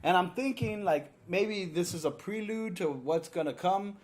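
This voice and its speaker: Male review co-host, a bit tipsy, moderately high pitch, opinionated casual chat with frequent swearing. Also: lively intonation, moderate pace. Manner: tipsy, drunk. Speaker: drunk movie review co-host.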